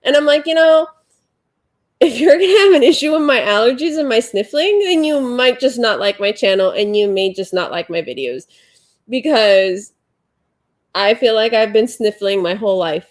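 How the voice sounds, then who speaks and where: An expressive, higher-side voice at a moderate pace. She's a forties-aged livestream host, congested and sniffling, reading viewer comments during a casual chat at home, with rambling talk and frequent fillers.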